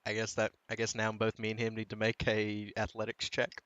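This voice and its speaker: A man's voice: fairly low pitch, completely flat delivery, a little fast, fairly bright tone, clean tone, no echo, highs cut off. A man playing a tabletop game who talks casually and swears freely. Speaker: player.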